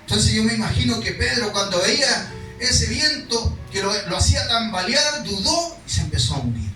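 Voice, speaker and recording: A male pastor with a very high, bright voice, preaching a sermon in a very echoey hall. He stands some distance from the mic, and soft music plays behind him. He reads scripture and then explains it conversationally, sometimes acting out the cries in the story. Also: very animated, moderate pace.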